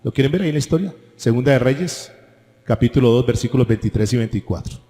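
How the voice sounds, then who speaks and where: A man's voice: mid-range voice, fast talker, mellow. A man preaching a sermon as pastor, asking the congregation rhetorical questions. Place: church hall. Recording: echoey church hall with faint music.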